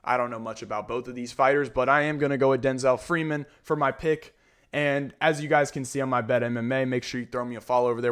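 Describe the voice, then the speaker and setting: Young male host doing loose, off-the-cuff fight picks; mid-range voice, relaxed and candid. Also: medium pitch. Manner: casual and candid, frequent fillers and restarts. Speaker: MMA fight predictions host. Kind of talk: casual solo fight breakdown.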